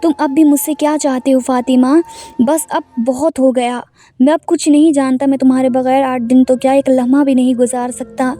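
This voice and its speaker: A woman's voice: high-pitched, flat delivery, warm tone, faint music behind, natural voice. A woman voicing a young husband who speaks harshly and scolds, in a narrated story. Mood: angry. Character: young husband, angry and demanding.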